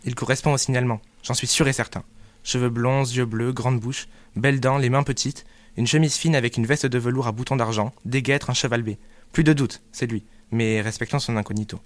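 A man's voice: mid-range voice, steady tone, fairly quick, dry recording, natural voice. A man voicing a talkative male traveler who describes things in detail in an audio drama reading. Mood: chatty.

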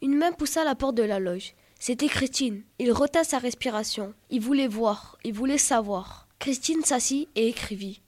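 A schoolgirl narrating a school radio drama in a steady reading voice. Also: on the high side, moderate pace, few pauses. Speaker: student narrator.

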